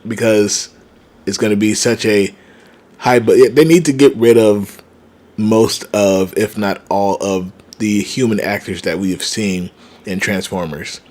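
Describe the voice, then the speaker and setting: A man's voice: fairly low pitch, a little slow, a little mellow. A man co-hosting a podcast in casual chat, teasing his partner and sticking up for his own opinions. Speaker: podcast co-host.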